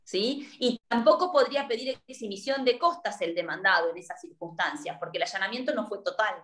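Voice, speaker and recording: A woman's voice: medium pitch, a little fast, fairly bright tone. A woman with an Argentine accent gives a university law lecture, explaining step by step and checking in often with her listeners. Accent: Argentine Spanish. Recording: roomy echo.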